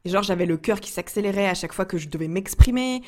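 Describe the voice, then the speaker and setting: A woman's voice: mid-range voice, quick pace, darkish tone, a little hiss or hum. A young woman speaking candidly in a casual personal vlog, chatty and confiding, often restarting her sentences. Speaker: vlogger.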